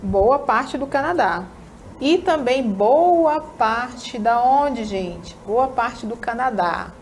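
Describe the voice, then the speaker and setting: A woman's voice: a little high, lively intonation, slow pace, slight background noise. A woman English teacher with a northern Brazilian accent, giving a recorded classroom lesson and often checking in with tag questions. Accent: northern Brazilian, Amazonas. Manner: peppers talk with tag questions to students.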